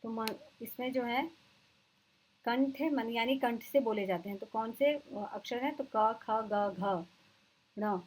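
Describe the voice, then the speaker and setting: A woman teacher giving an exam-prep lecture, explaining terms and slowly repeating them for her students. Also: fairly high pitch, a little mellow, slightly rough, low-quality recording.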